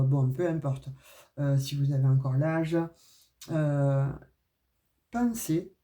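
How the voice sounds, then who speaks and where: Low and warm, this woman's voice carries a non-Parisian regional French accent. Casually reading tarot and oracle cards, she addresses her viewers directly and peppers her chatty talk with hesitations like "euh" and "hein."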